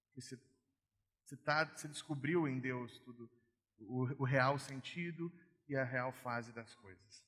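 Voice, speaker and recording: A man preaching in a conversational way, telling stories with animated acted-out voices. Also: medium pitch, unhurried, in a large hall. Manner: animated storytelling, acts out voices. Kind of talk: conversational sermon.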